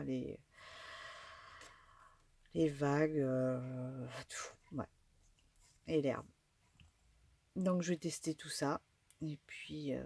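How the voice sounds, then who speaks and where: Slow, hesitant low-voiced woman. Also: a little mellow, breathy edge. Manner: hesitant, many fillers and restarts. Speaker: craft vlogger. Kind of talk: casual unboxing commentary.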